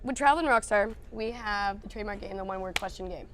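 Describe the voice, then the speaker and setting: A woman's voice: mid-range voice, quick pace, fairly bright tone. A woman interviewing a comedian in a casual, teasing, giggly way.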